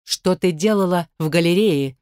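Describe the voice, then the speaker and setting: A woman's voice: fairly low pitch, moderate pace, darkish tone, clear, resonant tone, no room sound, clean studio sound, close to an everyday voice. A woman voicing a cold, stern noblewoman stepmother who scolds harshly. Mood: scolding. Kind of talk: audiobook role reading.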